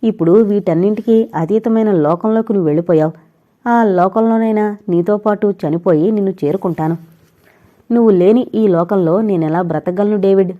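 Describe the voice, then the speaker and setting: A woman's voice: medium pitch, moderate pace, narrow, tinny audio, natural voice. A woman voicing a young married woman who pleads and weeps over her dying lover, in a storybook reading. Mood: despairing. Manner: tearful, pleading.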